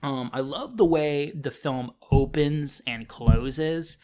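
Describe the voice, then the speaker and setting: A man's voice: fairly high pitch, slow pace, darkish tone. A young man giving a casual, unscripted film review on a podcast, rambling with lots of fillers and restarts and swearing freely.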